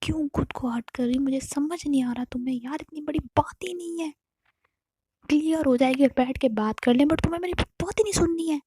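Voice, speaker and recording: A woman's voice: high-pitched, a little fast, dark tone, close to an everyday voice. A woman storyteller voicing a young woman who coaxes and pleads with her upset partner. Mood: pleading.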